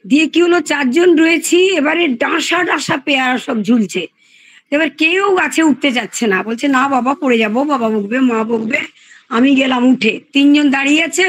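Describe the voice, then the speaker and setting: High-voiced older woman telling stories. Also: no echo, poor audio. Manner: lively anecdotal, acts out shouted quotes. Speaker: participant in an elders' group chat. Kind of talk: casual storytelling.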